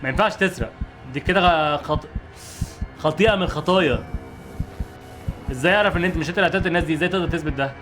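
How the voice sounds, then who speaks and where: A man's voice: fairly high pitch, rapid-fire, pauses often, over music, natural voice. A man doing a stern, suspicious interrogator. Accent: Egyptian Arabic.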